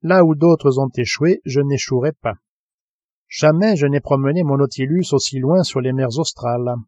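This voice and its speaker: Brief: man playing an ironic, self-assured captain, dark and dry-toned, audiobook read. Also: mid-range voice, normal speed, no echo, lo-fi sound, close to an everyday voice. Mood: confident. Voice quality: calm, ironic, commanding. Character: proud, ironic male submarine captain.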